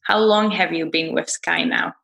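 A woman's voice: fairly low pitch, fairly even intonation, moderate pace, gravelly, fairly bright tone. A woman moderating a podcast interview, with polite, formal phrasing. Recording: roomy, faint music behind.

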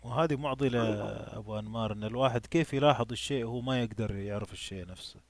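A man hosting an interview podcast, steering the talk briskly from one topic to the next. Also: mid-range voice. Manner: brisk, guiding, with short backchannels. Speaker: podcast host.

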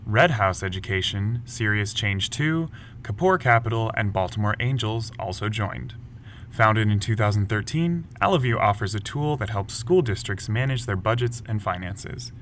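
A man co-hosting a news podcast, reading scripted headlines in a brisk, lightly wry way. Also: fairly low pitch, lively intonation, a bit bright, slight background noise. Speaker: podcast co-host.

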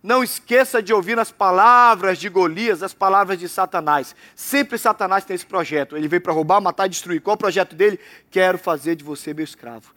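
A man from Brazil preaching a lively sermon, acting out the voices in the story. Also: sits high, brisk, few pauses. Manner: animated, acts out characters in quotes. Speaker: pastor. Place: church abroad.

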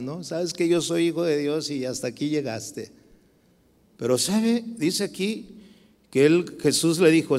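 A middle-aged man with a Mexican Spanish accent, preaching a sermon with a personal testimony in a conversational way, full of tag questions and restarts. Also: fairly high pitch. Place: church. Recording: church hall with long reverb.

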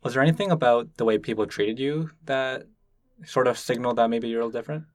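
Fast and mid-range, this man's voice belongs to a Canadian podcast interviewer raised speaking Cantonese. He keeps the conversation curious and gently probing, and the dry sound has no echo.

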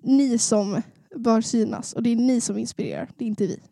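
A woman's voice: on the high side, lively intonation, gravelly, dark tone, no room sound, clean studio sound. A young woman from northern Sweden who speaks with a Stockholm accent, chatting casually as a podcast co-host. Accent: Stockholm Swedish. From Sundsvall, northern Sweden.

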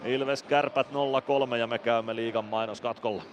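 A man giving radio play-by-play commentary on an ice hockey game from an arena booth, calling the action in quick, steady phrases. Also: medium pitch. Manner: rapid steady play-by-play, rising to shouting at goals.

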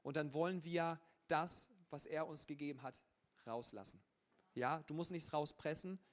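A man preaching a lively sermon in a conversational, colloquial way, often adding a casual "ja". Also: a little high, moderate pace. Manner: colloquial and conversational, with frequent filler ja. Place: church service.

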